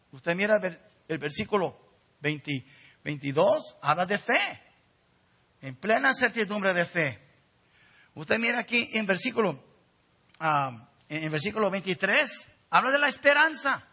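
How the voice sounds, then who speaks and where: A man's voice: high voice, animated, unhurried, long pauses, bright, forceful tone, breathy edge. A man pastor preaching a sermon and appealing directly to his congregation.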